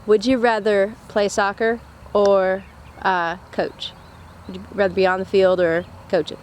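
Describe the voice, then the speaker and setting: A woman interviewing a coach, answering with short, upbeat reactions and asking quick questions. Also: mid-range voice, flat delivery. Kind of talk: casual interview. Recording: outdoor recording with faint traffic noise.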